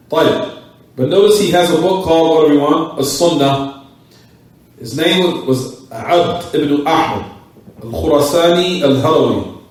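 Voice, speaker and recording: A man teaches a class in a mosque, going back over key words and quizzing his students as he goes. His voice sits a little high for a man. It comes from some way off the mic and rings through a very echoey room. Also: far from the mic. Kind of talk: classroom lecture with questions to students.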